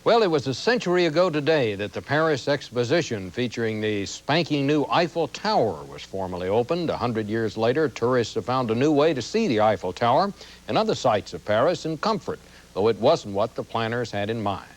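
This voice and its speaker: Guy anchoring the evening news, steady formal read. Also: medium pitch. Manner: measured, formal broadcast delivery.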